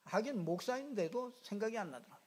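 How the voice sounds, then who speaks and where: A middle-aged male pastor with a high, slightly mellow voice preaches quickly and with lively intonation in a church sanctuary. His sermon is chatty and joking, full of repeated little fillers and imitations of regional speech.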